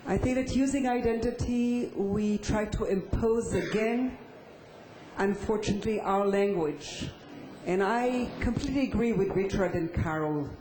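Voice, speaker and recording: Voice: mid-range voice, a little slow, dark tone. Audience member, hesitant comment, echoey hall, faint noise. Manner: hesitant, many fillers.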